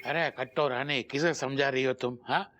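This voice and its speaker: A man's voice: medium pitch, steady tone, moderate pace, muffled recording, noisy background, lightly acted. An actor voicing the mocking spirit of a sarcastic old man in a TV sitcom, making dry remarks. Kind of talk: TV sitcom acting.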